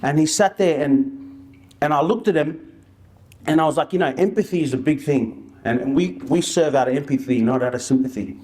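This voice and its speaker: A man's voice: a little high, normal speed, a little mellow. Informal male presenter. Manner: colloquial and anecdotal, with slang and re-enacted dialogue. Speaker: outreach worker presenting to an audience.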